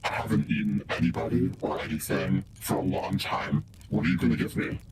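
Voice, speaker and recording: A man voicing a large, hungry male lion in a silly story, in a low rumbling growl. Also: a little fast, background noise, lightly acted. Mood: gruff.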